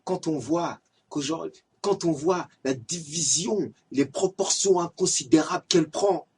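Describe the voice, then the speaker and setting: Amateur lay preacher, male, raspy and airy, exhorting, recorded from a distance. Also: a little high, unhurried, darkish tone. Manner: earnest, exhorting, repetitive. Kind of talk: religious reminder talk.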